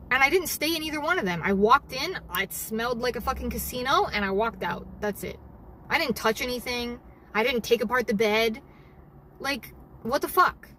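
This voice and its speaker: A woman with a high voice chats casually to her livestream viewers from the driver's seat, angrily venting and cursing freely. Faint car and road noise hums under her voice. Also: a bit bright. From Southern California. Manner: angry venting, heavy swearing. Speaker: delivery driver vlogger. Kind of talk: casual livestream chat while driving.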